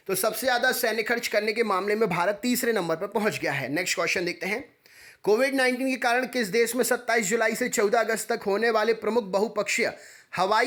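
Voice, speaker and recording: Question after question, this man reads out exam quizzes in an identical quick pattern. His voice is high, light and fairly bright, and he comes across as a coaching instructor doing a voice-over near the microphone.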